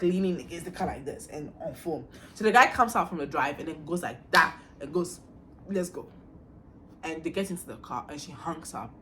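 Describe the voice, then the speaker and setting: A woman's voice: on the low side, a little hiss or hum. A young woman vlogger telling a story about her own life, acting out the voices of the people in it. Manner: animated, acts out quoted lines. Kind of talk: storytime vlog.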